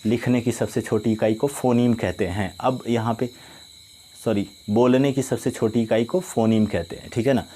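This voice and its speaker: A male teacher giving a grammar lesson, dictating definitions slowly and often asking if students follow. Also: medium pitch, steady tone, warm tone. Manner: slow, repetitive dictation with frequent "ठीक है ना?" check-ins.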